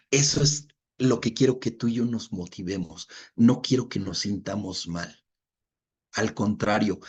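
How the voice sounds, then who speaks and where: A man teaching a Bible study, reading verses aloud and explaining them, who often checks in with his listeners and fills pauses with short murmurs. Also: on the low side, darkish tone, slightly rough.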